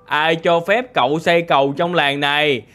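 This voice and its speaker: A man's voice: on the high side, steady tone, moderate pace, fairly bright tone, faint music behind, close to an everyday voice. A man voicing an angry, gossipy male game villager who scolds and orders people around. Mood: angry scolding. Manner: scolding, bossy.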